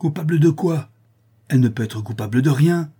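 Storybook figure: an anguished aging artisan father, husky and mellow but raised and insistent, read by a man. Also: medium pitch, expressive, moderate pace, pitched above the performer's own voice. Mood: distraught pleading. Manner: pleading, agitated, raised voice.

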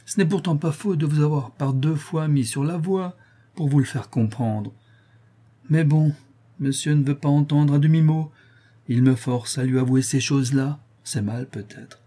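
A man reading an audiobook, voicing a frank, cheerful young woman who pleads lovingly, pitching his voice higher. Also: moderate pace, mellow, husky.

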